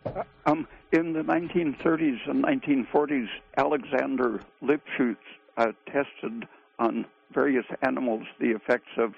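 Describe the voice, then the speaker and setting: Man, gravelly voice, halting speech full of pauses, radio guest, phone-line sound. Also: mid-range voice, fairly even intonation. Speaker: guest expert on a call-in radio show. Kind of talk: call-in radio discussion.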